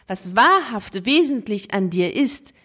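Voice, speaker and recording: Calm, wise storybook desert voice, as a woman reads it. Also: medium pitch, unhurried. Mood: calm, knowing.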